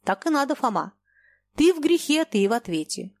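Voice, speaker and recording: A woman voicing a stern, bearded merchant father who talks bluntly and gruffly. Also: high voice, big pitch swings, a little fast, a little mellow, voice pushed up, exaggerated voice. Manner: blunt, scolding then fatherly.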